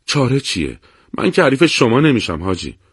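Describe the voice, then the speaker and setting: A man's voice: mid-range voice, big pitch swings, breathy edge, dry recording, studio quality. A man voicing a worried male commander in an audiobook war story, urging his men to hurry. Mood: resigned. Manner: urgent, insistent.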